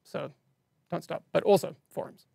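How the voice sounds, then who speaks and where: A man's voice: moderate pace, warm tone, no echo, clean studio sound. A man with a non-standard English accent hosting a live game-news stream, giving casual updates with chatty, self-deprecating asides. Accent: non-standard English accent, teased by viewers.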